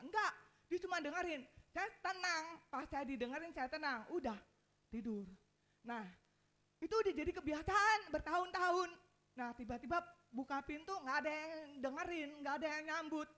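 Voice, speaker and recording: A middle-aged woman pastor preaching a sermon with a casual twang, telling stories with emotion and swinging from loud pleading to soft murmurs. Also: high voice.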